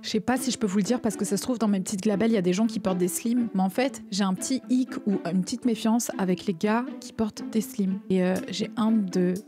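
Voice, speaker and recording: A woman's voice: medium pitch, quick pace, few pauses. A young woman hosting a reaction video, chatty and teasing, dropping English phrases into her commentary. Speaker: YouTube host reacting to a dating show. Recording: music playing under the voice. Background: background music.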